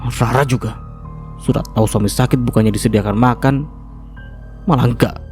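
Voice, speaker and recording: A man's voice: medium pitch, fairly even intonation, fairly quick, darkish tone, faint music behind, close to an everyday voice. A man voicing a bitter, bedridden husband who complains and scolds. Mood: self-pitying.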